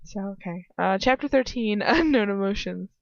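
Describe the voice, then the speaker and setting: A woman with a medium-pitched, creaky, expressive voice reads fan fiction aloud at normal speed, amateur-style and irreverent. She giggles, stumbles over the text, and drops chatty asides full of swearing. The home recording is muffled and lo-fi with a roomy echo.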